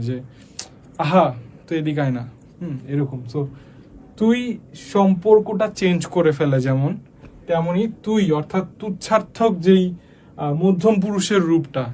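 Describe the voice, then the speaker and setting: High-voiced teacher explaining rules. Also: male voice, darkish tone. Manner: explains step by step, asks the class questions. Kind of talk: online exam-prep lesson.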